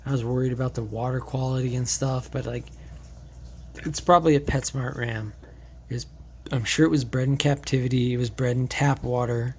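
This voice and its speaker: A man's voice: medium pitch, steady tone, brisk, darkish tone. Rambling casual man, faint room hum. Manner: loose, rambling, thinking aloud with fillers. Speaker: aquarium hobbyist vlogger. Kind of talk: casual tank tour vlog. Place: indoors beside a fish tank.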